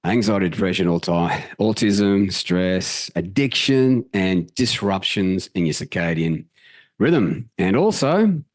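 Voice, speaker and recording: A man with a very low voice walks viewers through health slides with lively, casual energy. He throws in the odd swear word as he goes. The sound is dry and close, with no room echo. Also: slow. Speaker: health channel host. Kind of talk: presenting slides, casual talk.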